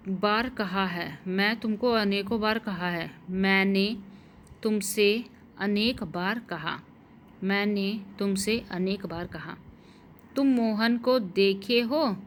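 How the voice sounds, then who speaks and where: A woman teaching Hindi spelling and grammar, slowly repeating each word and correct sentence and spelling out the vowel marks. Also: mid-range voice, slight background noise. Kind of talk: slow dictation-style lesson.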